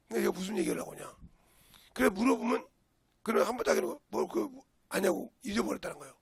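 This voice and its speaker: Older korean preacher man, jeolla accent, highish voice, telling homey stories in his sermon. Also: gravelly. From Jeolla region, Korea. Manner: folksy, storytelling preaching with sudden emphatic rises. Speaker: pastor.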